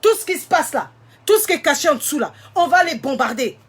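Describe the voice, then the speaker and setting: A woman speaks straight to her online audience in a high, bright-pitched voice. She rants with indignant force, stressing and repeating each demand. It is a heated vlog commentary. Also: expressive, fast. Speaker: social media commentator. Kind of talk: impassioned vlog rant to viewers.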